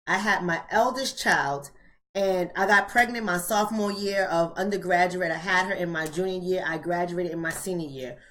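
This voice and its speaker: A fairly low, fairly bright voice belongs to an American woman of about forty running a casual livestreamed book club. She chats colloquially with her viewers directly and repeats phrases for emphasis.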